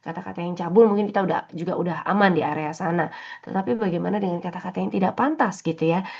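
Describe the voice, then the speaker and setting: A woman's voice: lowish voice, rapid-fire, vocal fry, a little mellow, husky, muffled recording. A woman giving a casual morning devotional talk, conversational and full of fillers and tag questions. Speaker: devotional speaker.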